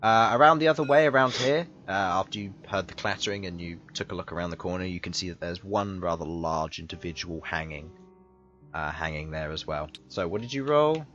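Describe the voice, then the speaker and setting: Low-voiced man narrating a tabletop game. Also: fairly bright tone. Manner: descriptive, many fillers and pauses. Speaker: game master. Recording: dull lo-fi mic, faint music behind.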